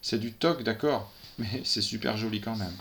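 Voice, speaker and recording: A man's voice: on the low side, moderate pace, gravelly, a bit bright. Man narrating a tense first-person story.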